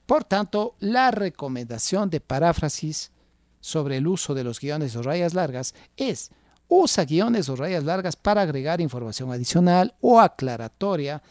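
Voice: a little slow, dry recording, clean studio sound. A radio host teaching academic writing who reads punctuation marks aloud, repeats each example and drops in "ajá" asides. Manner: lively, varied pitch with frequent "ajá" asides.

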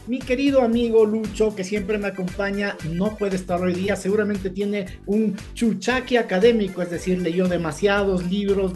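A man's voice: high voice, a little mellow. Joking male podcast host. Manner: joking, playful, with many fillers. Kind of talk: casual academic podcast chat.

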